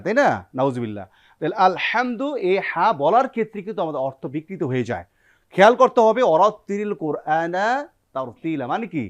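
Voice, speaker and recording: A man with a Bangladeshi Bengali accent, hosting a Quran recitation lesson in a television studio and leading students through repeated pronunciation drills. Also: mid-range voice. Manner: leads students in call-and-response drills. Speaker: Quran recitation teacher and host. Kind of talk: TV classroom lesson.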